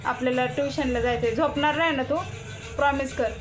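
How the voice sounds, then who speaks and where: A woman's voice: high voice, steady tone, fairly quick, music in the background. A young mother chatting with her little child in a casual family vlog, coaxing and teasing. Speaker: mother and vlogger.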